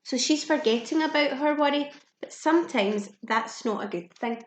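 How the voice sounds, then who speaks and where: Her voice sits high and moves at a normal speed as she reads a children's story aloud, teacher-style, gasping audibly and asking the little listeners questions. There's a bit of hiss or hum, plus an echoey room sound.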